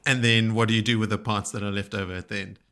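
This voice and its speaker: A man's voice: on the low side, little pitch movement, fast, bright, forceful tone, smooth. A man hosting a podcast in a casual chat, recapping at length with enthusiasm and many fillers. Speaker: podcast host.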